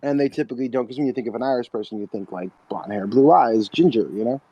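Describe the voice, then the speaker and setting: Quick, rambling male host, jokey storyteller, mid-pitched voice. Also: highs cut off. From United States. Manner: rambling, joking, laughs often. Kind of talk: casual chat on a live audio room.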